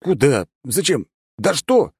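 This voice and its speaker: A man's voice: on the high side, sing-song, slow pace, breathy edge, dry recording, studio quality, voice pushed up, exaggerated voice. A man voicing a confused young man in a storybook, asking bewildered questions.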